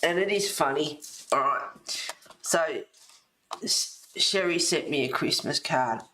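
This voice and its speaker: A middle-aged woman with a smoker's rasp chats in a loose, rambling way. She sounds like a casual host talking to her viewers, giggly and informal. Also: low voice, lively intonation, slow pace, bright, forceful tone, a little hiss or hum, poor audio. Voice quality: raspy smoker's voice with a cough. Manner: rambling, giggly, reading aloud and replying to viewers. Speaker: host of a colouring video. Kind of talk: casual chat to live viewers.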